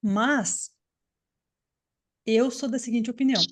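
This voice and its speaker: A woman's voice: fairly high pitch, takes it slowly. A woman English teacher giving a live online class on a video call, explaining patiently and checking often that students follow.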